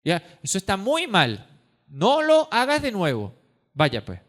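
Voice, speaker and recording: A man's voice: sits high, wildly swooping pitch, slow, heavily acted. A man voicing an indulgent judge who waves off a serious crime with a dismissive, easygoing tone. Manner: dismissive, soft-spoken. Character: lax, indulgent male judge letting a killer go.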